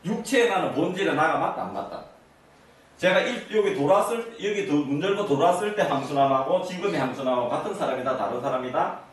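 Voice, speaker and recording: A man's voice: a little high, expressive, quick pace. A man giving an interactive lecture to an audience, constantly asking them either-or questions. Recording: echoey room, mic at a distance.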